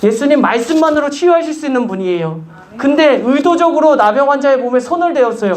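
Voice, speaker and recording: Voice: high-pitched, lively intonation, quick pace. A pastor preaching a sermon in church, urging the congregation with repeated rhetorical questions.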